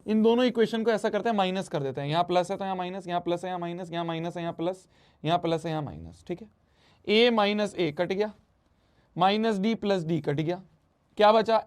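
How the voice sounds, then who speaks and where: A man teaching a math lesson, repeating his phrases and mixing Hindi with English math terms. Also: high voice.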